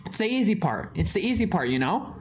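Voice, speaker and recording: A woman's voice: mid-range voice, sing-song, brisk, a little hiss or hum. A young woman casually telling a long, rambling story. She swears often and repeats her phrases.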